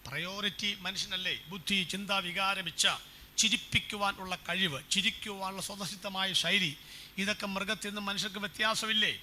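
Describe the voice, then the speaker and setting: A man preaching as a pastor, animated, firing questions at his congregation during a sermon. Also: high voice, slight background noise. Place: church.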